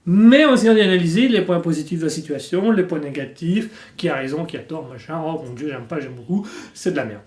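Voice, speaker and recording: A man's voice: on the high side, lively intonation, a little fast, a little mellow, roomy sound. A man hosting his improv channel, explaining it in a rambling, self-mocking, playful way. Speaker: channel host. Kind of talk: comic improv vlog. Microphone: facing the camera.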